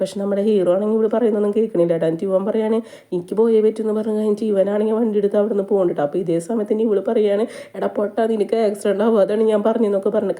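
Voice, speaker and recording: A woman, casually retelling a drama plot in rapid chatty storytelling. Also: medium pitch, dark tone. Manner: rapid chatty retelling, frequent tag "ട്ടോ". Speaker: movie recap narrator.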